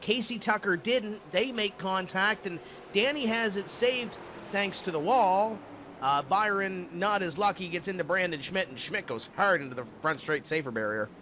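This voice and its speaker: A man's voice: sits high, expressive, normal speed, pushed and bright, slight background noise. A man commentating a sim race in a casual, rambling way with many fillers. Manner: casual, with frequent uh fillers and restarts.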